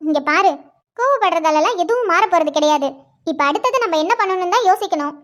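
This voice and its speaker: A very high, soothing sister-in-law. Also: female voice, lively intonation, fast talker. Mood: calming. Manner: soothing, reassuring. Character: young woman, calm caring sister-in-law. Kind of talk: cartoon voice acting.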